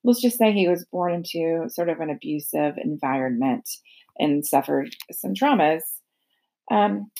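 A middle-aged woman giving a casual, halting podcast introduction, thinking aloud as she goes. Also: low-pitched, vocal fry, warm tone. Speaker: podcast host. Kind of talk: casual spoken introduction of a guest.

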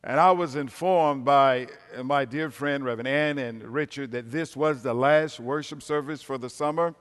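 A man's voice: mid-range voice, moderate pace, a bit bright, smooth. An older man with an American accent preaching a sermon as a guest at a Sunday service, addressing the congregation directly in a folksy, emphatic way. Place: large indoor worship space. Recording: reverberant hall sound.

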